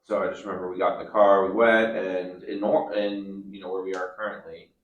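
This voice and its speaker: A young man, a storm chaser, reminiscing in casual chat, halting and repeating words as he recalls. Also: sits low, flat delivery, echoey room, lo-fi sound, crowd noise.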